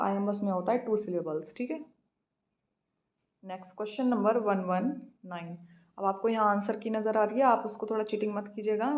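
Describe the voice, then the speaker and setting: Woman, exam coach, mid-pitched, slow deliberate question reading. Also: darkish tone. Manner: reads questions slowly, explains in Hindi-English mix. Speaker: English exam teacher. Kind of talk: exam practice lesson.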